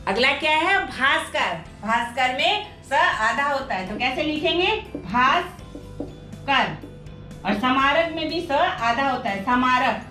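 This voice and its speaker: A woman teaching, explaining a grammar exercise slowly and carefully, repeating each word for students. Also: high voice, lively intonation, sharp tone. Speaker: Hindi teacher. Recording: echoey room with faint music.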